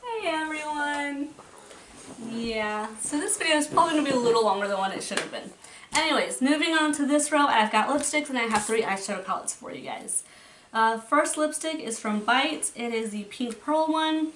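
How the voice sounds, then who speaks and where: A woman's voice: on the high side, lively intonation, brisk, fairly bright tone. A woman talking casually through a makeup declutter, rambling a bit and restarting her thoughts, in her bedroom. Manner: rambling, chatty, trails off and restarts. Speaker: beauty vlogger. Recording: roomy, from a distance, faint noise.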